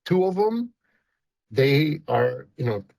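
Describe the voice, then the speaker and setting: A Costa Rican company founder in his fifties, with a thick Costa Rican Spanish accent, rambles casually as an interview guest, using lots of fillers. He speaks slowly in a fairly high, creaky, darkish voice that swings widely in pitch, with no room sound on the recording.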